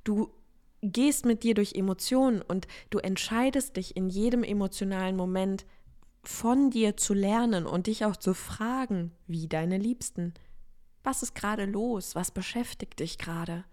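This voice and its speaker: A woman in her thirties hosts a self-help podcast, her voice sitting at an ordinary middle pitch. She talks in a reflective, coaching way, addressing the listener directly as she thinks aloud. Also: unhurried, mellow. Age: 30s. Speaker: podcast host.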